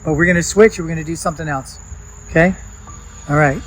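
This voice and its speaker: A man hosting a paranormal vlog, speaking in a hushed, coaxing way as he addresses spirits in a cemetery at night. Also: fairly high pitch, steady tone, fairly quick, soft background music, rough recording. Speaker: paranormal investigator host. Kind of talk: casual vlog narration.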